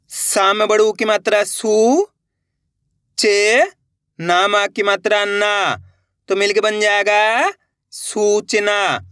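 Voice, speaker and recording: A man's voice: high-pitched, fairly bright tone, dry recording, clean studio sound. A man teaching Hindi reading step by step, stretching out syllables and asking the viewer repeated questions. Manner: addresses viewers as friends, encouraging. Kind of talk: step-by-step phonics lesson.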